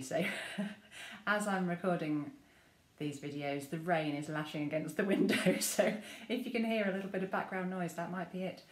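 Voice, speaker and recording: An English woman leading a memory choir through gentle vocal warm-ups, speaking softly and encouragingly with frequent ums. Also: low-pitched, reverberant. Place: room at home with rain on the window.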